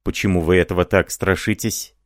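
A man's voice: low voice, steady tone, brisk, no echo, studio quality, close to an everyday voice. A man playing an ardent, devoted young French lieutenant who speaks fervently and pleadingly.

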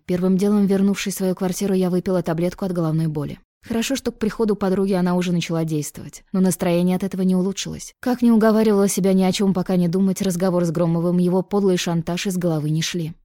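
A woman narrating a first-person novel in an even, confiding storytelling manner. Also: fairly low pitch, fast talker, hardly any pauses, dry recording, studio quality. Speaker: audiobook narrator.

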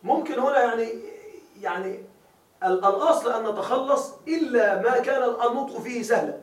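High-voiced man teaching grammar. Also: a little fast. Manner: asks the class often if they follow; repeats key words as questions for students to answer. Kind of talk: classroom lecture. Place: classroom. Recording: roomy classroom audio from a distant mic.

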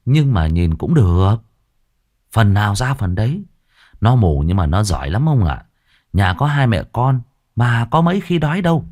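A man's voice: fairly low pitch, darkish tone. A man voicing a sly, fawning male servant who coaxes his master with polite, wheedling talk in a storybook reading.

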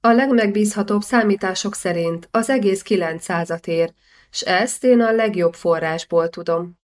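A woman's voice: mid-range voice, close to an everyday voice. A woman reading the lines of a bold young man who angrily rebukes a cheating official. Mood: indignant. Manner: cutting, righteous rebuke.

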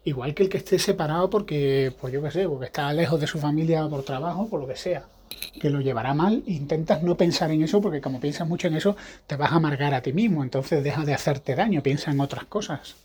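A man's voice: fairly high pitch, quick pace, darkish tone, a little hiss or hum. A man hosting a podcast, talking in a rambling, casual monologue with frequent restarts. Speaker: podcast host; evangelical pastor.

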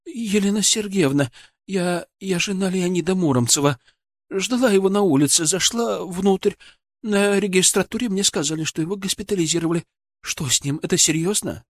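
A woman's voice: fairly low pitch, normal speed, no room sound, studio quality, pitched above the performer's own voice, lightly acted. A man voicing a frightened woman in her fifties, the anxious wife of a hospital patient, who speaks with a trembling voice. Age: 50s.

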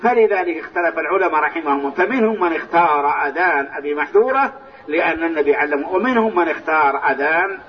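A man teaching a lesson on hadith, explaining the texts step by step and softly reciting phrases of the call to prayer, heard in an old recording from a large mosque. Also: on the high side, animated, fast talker. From Saudi Arabia. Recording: distant, dull, lo-fi old recording with faint hiss.

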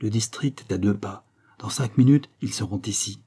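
A man voicing a male royal valet speaking quickly and low. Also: warm tone, husky. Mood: hurried.

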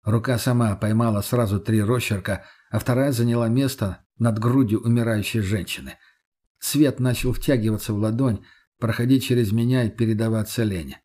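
A man narrating a first-person story audiobook in a measured, steady reading voice. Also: lowish voice.

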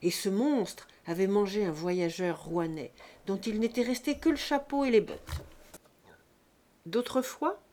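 Lady reading a classic novel, steady measured narration, mid-pitched voice. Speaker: audiobook reader.

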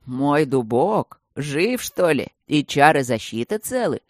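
Woman reading an old dragon guy, slow deep booming voice, teasing, dry close sound. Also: no room sound, lightly acted. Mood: amused, sly. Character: ancient mighty male dragon, amused and mocking.

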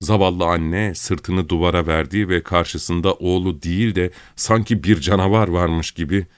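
Low voiced guy reading a story, steady, dry close mic. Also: a little slow, no echo. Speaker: audiobook reader. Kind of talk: storybook narration.

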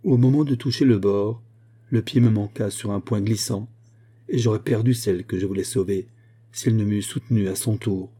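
Brief: male audiobook reader, mellow dark tone, steady literary narration. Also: fairly low pitch, breathy edge. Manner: measured storytelling reading. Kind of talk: scripted narration.

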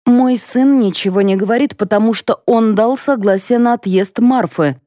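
A woman reading an audiobook, voicing a cold, domineering older matriarch who speaks slowly and deliberately. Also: fairly high pitch, warm tone, dry recording, clean studio sound, pitched above the performer's own voice, lightly acted. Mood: stony. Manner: slow, stony and deliberate.

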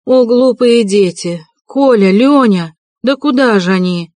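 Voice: unhurried, a little mellow, dry recording, natural voice. A reader voicing a proud, frantic impoverished widow, raised and strained, in an audiobook reading. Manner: haughty then shrill and desperate.

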